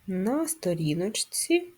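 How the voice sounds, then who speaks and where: A woman primary school teacher, who gives slow, clear lessons to young children in a patient, sing-song manner, asking questions and spelling out sounds one by one. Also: mid-range voice, sing-song, a little mellow.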